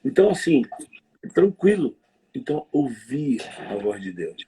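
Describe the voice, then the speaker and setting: A man preaching conversationally on a livestream, telling stories in a lively, slangy way. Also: medium pitch, husky. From Rio de Janeiro. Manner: lively storytelling, slangy, quick asides.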